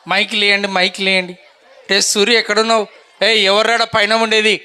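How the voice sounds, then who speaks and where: A man's voice: high-pitched, little pitch movement, fairly quick, pushed and bright. Chuckling man behind the camera. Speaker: family vlogger filming children's skit. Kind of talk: casual off-camera commentary. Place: outdoors at a house with a rooftop. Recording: outdoor crowd chatter and noise.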